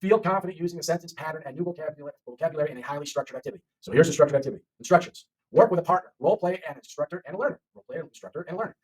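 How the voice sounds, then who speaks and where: A man's voice: a little high, racing, few pauses, darkish tone, slightly rough, distant mic, low-quality recording. A man teaching an online English lesson, talking to learners with lots of repetition and frequent "okay?" checks.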